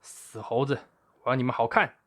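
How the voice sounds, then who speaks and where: A man voicing an easygoing, lazy big male bear who talks in a relaxed drawl. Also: mid-range voice, fairly quick. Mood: angry.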